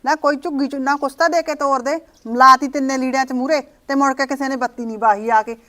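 A woman acting as a sharp-tongued mother-in-law who scolds without pause, her voice high and her words rattling out fast. It is a short-film drama with a domestic setting. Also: steady tone. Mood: scolding. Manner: scolding, nagging.

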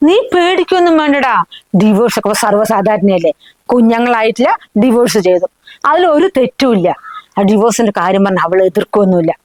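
A woman's voice: a little high, sing-song, brisk, darkish tone, no echo, low-quality recording. A woman playing a scornful scheming mother. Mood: persuading. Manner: scornful, nagging, insulting. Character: scheming, sharp-tongued middle-aged mother. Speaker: mother-in-law. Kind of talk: short film drama.

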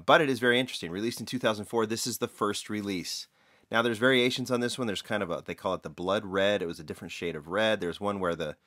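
A deep-voiced man gives a casual toy car showcase, his tone low but with a forceful, bright edge. He talks in a conversational, opinionated way, with plenty of ums and uhs between points. The sound is dry and close, with little room around it. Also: no room sound. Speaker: toy car collector reviewer.

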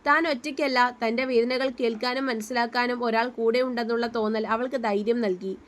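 A woman's voice: on the high side, fairly even intonation, a little fast. Woman narrating a romantic story.

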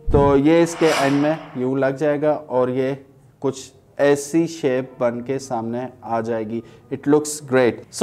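A Pakistani man with a medium-pitched, slightly mellow voice reviews motorcycle grips from a small indoor studio room. His casual review is chatty and persuasive, and he mixes English phrases into it.

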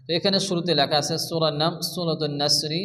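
A man with a high-pitched voice leads a patient recitation lesson, explaining each pronunciation rule before chanting the word slowly several times over. His voice rings with a long hall-like reverb. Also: fairly even intonation, bright, forceful tone, a little hiss or hum. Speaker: Quran recitation teacher.

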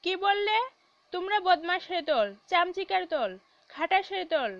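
A woman voicing a furious young mother who shouts and hurls insults down the phone in a read-aloud story. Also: extremely high pitch, animated, unhurried, no echo, dull audio, heavily acted. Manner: scolding, hurling insults.

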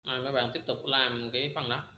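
Middle-aged man, math teacher, classroom lecture, hesitant fillers, bright voice, echoey dull recording. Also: mid-range voice, flat delivery, quick pace, a little hiss or hum. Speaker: high school math teacher.

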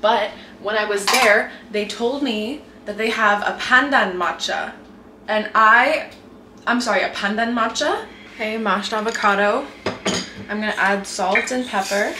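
A woman's voice: mid-range voice, unhurried. A young woman talking casually to her camera while making breakfast at home, full of "like" fillers. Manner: chatty, lots of "like" fillers. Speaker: vlogger. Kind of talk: casual vlog chat. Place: home kitchen. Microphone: handheld camera mic. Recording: echoey room with faint noise.

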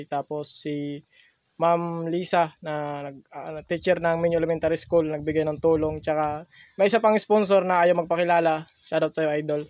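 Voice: medium pitch, a little mellow, no echo. A Filipino vlogger with slightly slurred speech from missing front teeth, talking casually to viewers and interviewing people on camera. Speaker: vlogger interviewing a family and host. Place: open rural shelter.

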